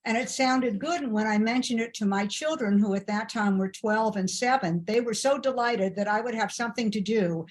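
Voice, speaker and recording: A woman's voice: on the high side, normal speed, hardly any pauses. A middle-aged woman from Ohio, a guest in an interview, telling her story in a chatty way with hesitant fillers. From Ohio, USA. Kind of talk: conversational storytelling.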